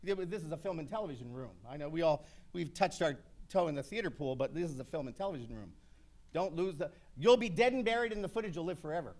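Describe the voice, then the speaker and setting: A man in his fifties on an actors' panel, telling brash, animated stories with comic asides to an audience. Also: on the high side, quick pace, slight background noise. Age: 50s.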